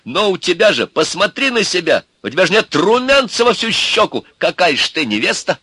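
A man voicing Ivan, a brash, hot-tempered young man with a loud, blustering, folksy way of talking. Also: on the high side, sing-song, takes it slowly, husky, no room sound, voice pushed up, full character voice. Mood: boastful.

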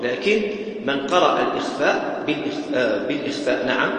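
Sheikh giving a recitation lesson, repeats himself, chants bits, big echoey mosque hall. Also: male voice, medium pitch, animated, quick pace, fairly bright tone. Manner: patient, repeats points, chants short recitation examples. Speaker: Quran recitation teacher. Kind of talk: lecture.

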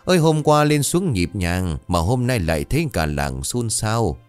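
A man voicing a young village man who wails a hired funeral lament in a drawn-out, sing-song way, in a storybook tale. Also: sits low, animated, soft background music. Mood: wailing lament.

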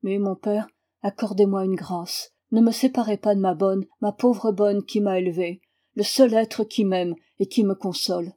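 A woman's voice: medium pitch, fairly even intonation, normal speed, warm tone, lightly acted. A woman reading aloud as a timid, tearful young girl who speaks plaintively.

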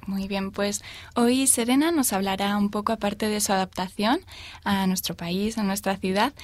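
A woman co-hosting a university radio programme, introducing the guest and prompting her with questions. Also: medium pitch. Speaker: radio co-host.

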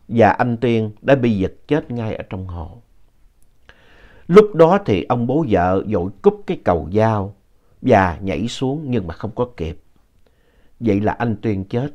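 A man narrating a ghost story in an unhurried, conversational way, adding explanatory asides. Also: fairly low pitch, very animated, darkish tone. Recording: dull lo-fi audio.

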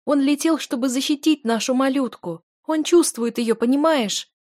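A woman's voice: mid-range voice, flat delivery, moderate pace, no echo, clean studio sound, close to an everyday voice. A woman reading an audiobook and voicing a young wife in grief and anger, raised and anguished. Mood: furious. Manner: anguished, shouting. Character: young married woman, grieving and furious.

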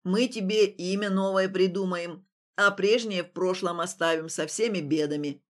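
A woman voicing a brusque, kindly old village woman in an audiobook, speaking in a lowered, louder, slow voice. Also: close to an everyday voice. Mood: gruff. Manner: brusque, scolding.

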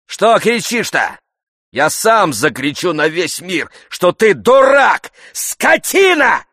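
A man voicing a loud, bullying middle-aged male sponger who shouts abuse and blusters in a storybook reading. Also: high-pitched, big pitch swings, takes it slowly, no room sound, clean studio sound, pitched above the performer's own voice, full character voice.

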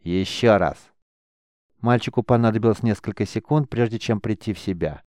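A man narrating an audiobook in a measured, even manner. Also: on the low side, dry recording, studio quality. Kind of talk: scripted narration.

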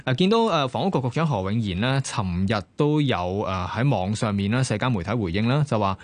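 A man's voice: lowish voice, expressive, a little fast, no echo. A man hosting a current affairs talk radio show, speaking loosely with many hesitations and fillers. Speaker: radio host.

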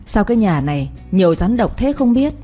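A woman's voice: medium pitch, sing-song, brisk, warm tone, soft background music, natural voice. A woman voicing a fiery young female servant who scolds shrilly, in a read-aloud story. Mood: furious.

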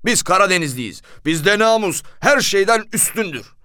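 A shrill, indignant husband, as an audiobook narrator puts him on protests in a raised, lively voice. He keeps pushing his pitch up and sounds outraged throughout the storybook scene. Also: moderate pace, no echo, studio quality. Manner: indignant, high and loud.

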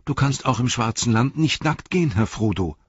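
A man's voice: medium pitch, lively intonation, moderate pace, breathy edge, no room sound, voice pushed up. A man reading an audiobook, voicing a loyal, plain-spoken male hobbit servant who talks earnestly and reassuringly, in a dull, dry recording.

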